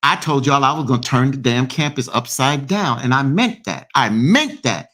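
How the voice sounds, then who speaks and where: A man co-hosting a call-in talk show, forceful and repeating himself for emphasis. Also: mid-range voice, expressive, normal speed. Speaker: co-host.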